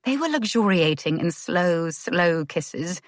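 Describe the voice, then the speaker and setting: Woman narrating a romance audiobook gently. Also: fairly low pitch, expressive, slow pace, no echo, studio quality. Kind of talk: scripted narration.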